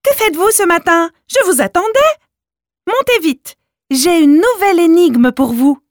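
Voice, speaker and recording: Lady doing noisette, super high squeaky eager voice, rushing, storybook. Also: dry recording, clean studio sound, exaggerated voice. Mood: hurried. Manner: hurried and excited. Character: Noisette, an eager, hurried female guide.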